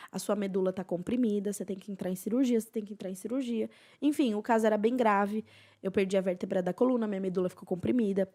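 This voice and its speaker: A young woman appears as a podcast guest, sharing a personal testimony earnestly and emotionally. Her voice is mid-range, dropping into soft, hushed passages.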